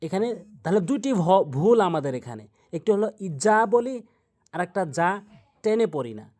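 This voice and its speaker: A man's voice: high-pitched, big pitch swings, a little mellow. Man teaching Quran pronunciation in Bengali-accented speech. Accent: Bangladeshi Bengali. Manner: explains pronunciation step by step, repeats sounds slowly. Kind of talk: Quran recitation lesson.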